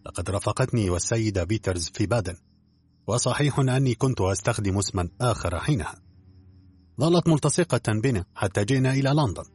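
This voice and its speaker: A smooth-talking bald swindler, fawning one moment and cool the next, as a man reads him in an audiobook. The voice is low and husky and rattles along quickly. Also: a little mellow. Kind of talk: audiobook character reading.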